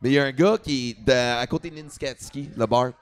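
A man's voice: medium pitch, fairly quick, clear, resonant tone. A man comedian with a Quebec French accent telling a story in a casual talk, switching into English and swearing freely.

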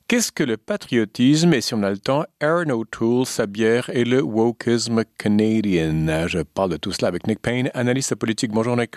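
A man with a Québécois French accent hosts a radio talk show in a measured, halting way, restarting his sentences. His voice sits at an ordinary pitch. The studio sound is dry and close. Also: expressive, a little mellow, no room sound.

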